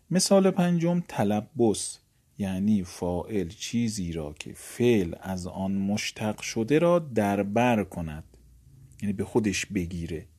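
Dark-voiced man teaching Arabic grammar. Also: medium pitch. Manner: explanatory, repeats words and examples. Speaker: seminary teacher.

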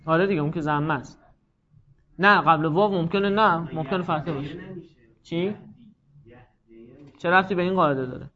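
A man's voice: a little high, pauses often, sharp tone. A man teaching a grammar class, explaining patiently, repeating key points and putting questions to his students. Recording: dull lo-fi recording.

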